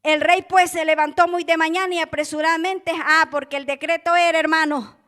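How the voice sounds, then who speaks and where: A woman preaching a sermon with passion, calling her listeners brother and swinging from loud to hushed. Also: very high-pitched, steady tone, brisk.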